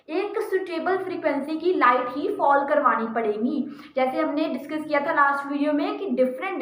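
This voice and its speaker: High-voiced Indian woman teaching physics. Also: a bit bright, echoey room, poor audio. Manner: explains in Hindi mixed with English terms, asks and answers her own questions. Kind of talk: classroom lecture.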